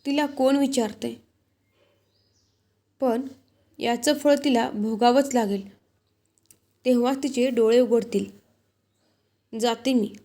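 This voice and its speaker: A woman reading out a poor old woman full of bitter reproach in a devotional storybook tale. Her voice sits a little high but sounds dark and mellow, and her words come slowly and heavily. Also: steady tone. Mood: bitter, scolding. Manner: reproachful, cursing.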